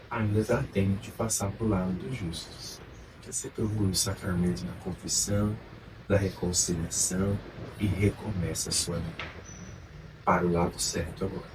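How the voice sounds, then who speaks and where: Brazilian male priest, earnest exhorting homily, low voice, heard from a distance over steady noise. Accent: Brazilian Portuguese. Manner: earnest, exhorting, rhetorical questions. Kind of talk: homily at Mass. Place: church during Mass. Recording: distant mic with background noise.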